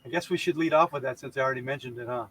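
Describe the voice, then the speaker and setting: A man's voice: mid-range voice, rapid-fire, a crowd in the background, rough recording. A man co-hosting a casual comedy news chat, joking and teasing. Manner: jokey, plays clips and mimics voices. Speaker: comedian co-host.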